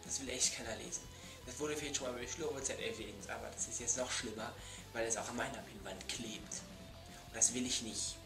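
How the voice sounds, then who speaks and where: Speaking briskly at a medium pitch with fairly even intonation, a young vlogger delivers an exasperated, emphatic comedy rant from his bedroom, repeating lines for effect. Music plays in the background of the echoey room.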